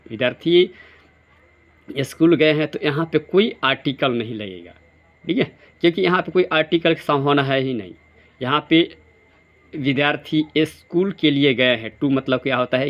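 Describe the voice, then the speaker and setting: A male teacher explaining grammar quiz answers. He keeps asking questions and answering them himself, and he reads the example sentences slowly, word by word. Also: medium pitch. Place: classroom or study centre. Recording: dull lo-fi sound.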